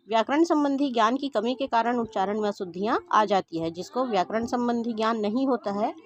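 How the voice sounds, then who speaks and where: A woman teaching a grammar lesson, who states each point and then explains it again in simpler words, and reads word pairs slowly, one after another. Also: a little high, fairly bright tone, slight background noise.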